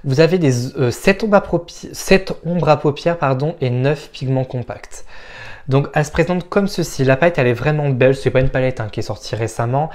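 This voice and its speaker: A man's voice: mid-range voice, a little fast, darkish tone. A man giving a casual makeup product review, frank and opinionated, with frequent hesitant fillers. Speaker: makeup vlogger.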